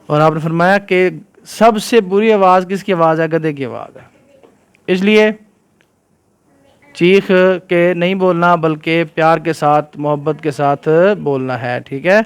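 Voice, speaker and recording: Man teaching a clear religious lesson. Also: fairly high pitch. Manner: keeps quizzing listeners with "right?"; recites Arabic verses in a raised chant. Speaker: Islamic scholar teaching children. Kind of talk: religious lesson with Quran recitation.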